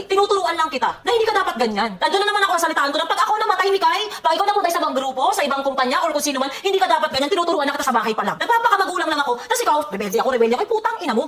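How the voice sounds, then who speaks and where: Fast, high, scolding woman. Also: fairly bright tone. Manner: scolding, swears, lectures at length. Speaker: family vlogger. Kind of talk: heated family confrontation.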